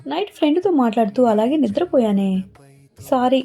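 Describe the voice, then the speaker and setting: Lady reading a playful young guy, teasing and coaxing, mellow voice. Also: high voice, lively intonation, brisk, creaky, faint music behind, voice pushed up, heavily acted. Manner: playful, mocking, soothing.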